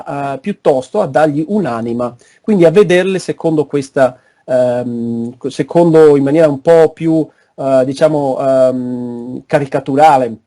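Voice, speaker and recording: A man giving an online academic lecture over a video call, pausing often to search for words. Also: medium pitch, dark tone. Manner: halting, frequent searching for words.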